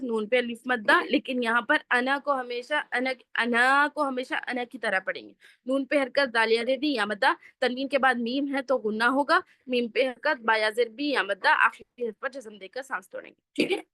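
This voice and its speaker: A woman with a Pakistani Urdu accent leads a tajweed lesson, going letter by letter through each mark and rule in a patient, methodical way. Her voice sits high, and the recording is close and dry with no room sound. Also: a bit bright, no echo. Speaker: Quran recitation teacher. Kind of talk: tajweed lesson, spelling out rules then slow recitation.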